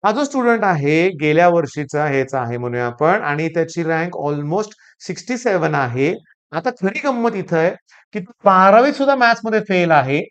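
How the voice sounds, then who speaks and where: A man's voice: on the high side, clear, resonant tone, lo-fi sound. A male teacher from Maharashtra with a Marathi accent, talking emphatically to camera and repeating catchphrases to his students.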